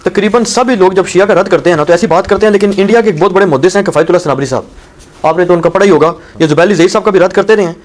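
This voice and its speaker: A Pakistani man posing a respectful, measured question in a religious Q&A. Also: high voice. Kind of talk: polite question in a Q&A.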